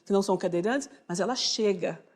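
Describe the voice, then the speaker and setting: A woman's voice: medium pitch, fast talker, a little mellow, in a large hall. A woman speaking as a studio guest, earnest and emphatic, often restarting her sentences. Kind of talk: TV studio conversation.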